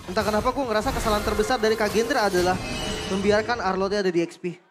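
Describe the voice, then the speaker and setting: A woman's voice: medium pitch, fairly even intonation, racing. Casual female esports analyst over music. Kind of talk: casual live game analysis. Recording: loud music behind the voice.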